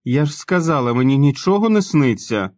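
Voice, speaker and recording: A man's voice: on the low side, lively intonation, a little fast, dry recording, clean studio sound, lightly acted. A man reading the part of a tense, blunt woman who snaps her replies. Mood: angry. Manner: sharp, snapping replies.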